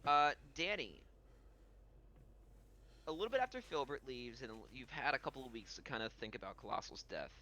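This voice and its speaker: A man narrating as game master in a tabletop game, lively and halting with fillers. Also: mid-range voice, a little hiss or hum.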